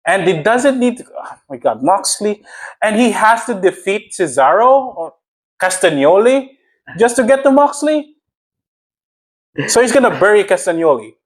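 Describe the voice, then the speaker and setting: Young Filipino male co-host, high voice, emphatic and opinionated, casual chat. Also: very animated. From Philippines. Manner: heated, emphatic, quick to laugh. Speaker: podcast co-host.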